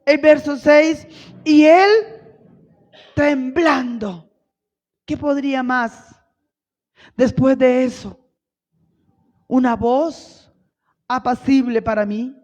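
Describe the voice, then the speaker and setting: High-voiced woman preaching a slow sermon. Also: a little mellow. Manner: rhetorical questions, acting out quotes with rising intensity. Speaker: missionary preacher. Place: church hall. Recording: reverberant church hall, dull lo-fi sound.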